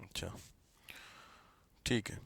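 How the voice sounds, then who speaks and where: A man teaches a live grammar class at a slow pace, quizzing his students and teasing them in a lively way. The recording is dry and has clean studio sound.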